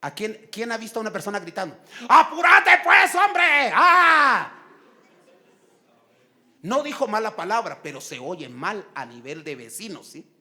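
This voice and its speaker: A middle-aged man with a Guatemalan accent preaching a sermon, lively, acting out shouting people. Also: high-pitched, brisk, few pauses. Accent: Guatemalan Spanish. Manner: animated preaching, acts out quarrels in shouted voices. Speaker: pastor.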